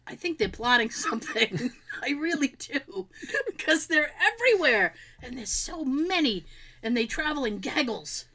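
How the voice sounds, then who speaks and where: Woman, 40s, podcast co-host, animated storyteller, bright tone, lively pitch. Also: normal speed. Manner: animated storyteller, laughs often. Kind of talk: casual chat.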